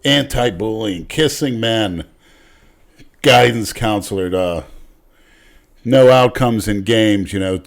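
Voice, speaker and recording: A man in casual podcast banter, delivering a deadpan mock rant for laughs. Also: fairly low pitch, takes it slowly, creaky, pauses often.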